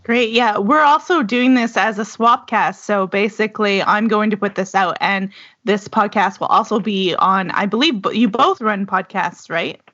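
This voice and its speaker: A woman's voice: mid-range voice, moderate pace, fairly bright tone. A woman hosting a casual podcast chat, talkative and laughing easily. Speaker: podcast host. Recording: dull lo-fi audio.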